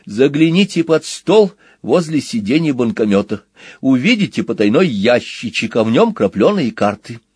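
A man voicing a calm, precise talking truth machine. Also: medium pitch, normal speed, husky, no room sound, studio quality, voice pushed up. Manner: calm, matter-of-fact, formal.

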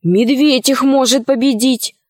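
A brave young girl from a storybook, earnest and persuasive, speaking in a high, clear voice, as a woman reader voices her. She reasons firmly with the others. The recording is dry and close. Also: steady tone, unhurried, no room sound. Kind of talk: storybook reading.

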